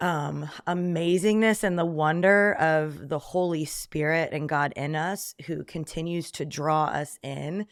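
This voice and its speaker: A woman's voice: sits low, unhurried, hardly any pauses, no echo, studio quality. A woman guest on a podcast giving a reflective faith testimony, with frequent ums, acting out her own past thoughts in quoted lines.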